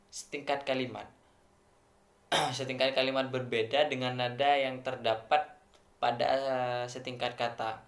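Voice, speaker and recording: Man presenting a lesson in an echoey room. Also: medium pitch. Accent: Indonesian. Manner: measured, explains step by step with many fillers. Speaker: student presenter. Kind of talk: academic presentation.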